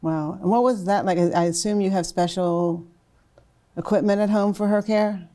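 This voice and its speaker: A woman hosting a podcast interview, asking sympathetic questions with soft interjections. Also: mid-range voice, steady tone, normal speed. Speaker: podcast host.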